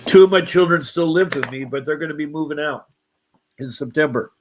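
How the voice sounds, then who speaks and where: A man's voice: a little high, brisk, a little hiss or hum. A man in his seventies telling a personal story, rambling with restarts and asides and insisting he was wronged. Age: 70s. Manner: aggrieved, insistent about injustice. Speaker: guest.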